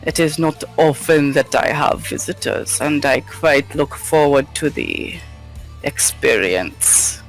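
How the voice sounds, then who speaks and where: Man doing ancient vampire count for a tabletop game, deep gravelly drawl, slow, formal. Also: expressive, soft background music, full character voice. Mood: courtly. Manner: slow, formal, deep-voiced host speech. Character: ancient hunched vampire count, courtly and menacing.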